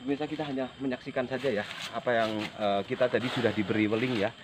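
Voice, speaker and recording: A man narrating a night ghost-hunting vlog to viewers outdoors, speaking in a halting, repetitive, uneasy way. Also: medium pitch, fairly even intonation. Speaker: paranormal exploration vlog host. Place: outdoors at night, rural site. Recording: noisy outdoor location recording.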